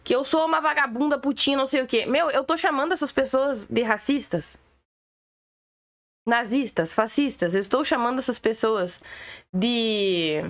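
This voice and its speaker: Woman, gaúcho accent, high voice, sarcastic livestream rant, exasperated commentator. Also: moderate pace. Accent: Gaúcho Brazilian Portuguese. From Rio Grande do Sul, Brazil. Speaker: political commentator.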